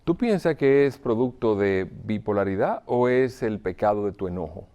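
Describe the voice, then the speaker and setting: A male counselor leads a session with calm, probing questions and brief acknowledgements. His voice sits low, with a dark, mellow tone. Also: moderate pace, dull audio. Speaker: pastoral counselor. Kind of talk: role-played counseling session.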